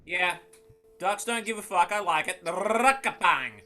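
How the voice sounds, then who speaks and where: Male panelist, wry word-groping quipster, high bright voice. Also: moderate pace, faint music behind. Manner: ironic, searching for words. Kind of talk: casual comedic banter.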